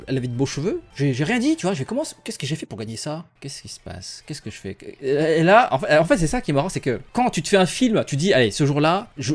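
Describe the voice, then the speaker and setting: Animated young man telling a story. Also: fairly high pitch. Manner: playful, rambling, laughs often, addresses viewers directly. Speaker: YouTuber telling a personal story. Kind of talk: casual storytime chat.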